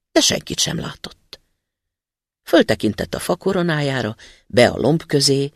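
Male storybook narrator, expressive and lively, slightly gravelly, dry close recording. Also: mid-range voice, dry recording. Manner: expressive fairy-tale telling. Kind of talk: storybook reading.

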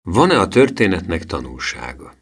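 A man narrating a children's novel as an audiobook, in a measured storytelling manner, switching voices for each character. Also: low-pitched, big pitch swings, breathy edge.

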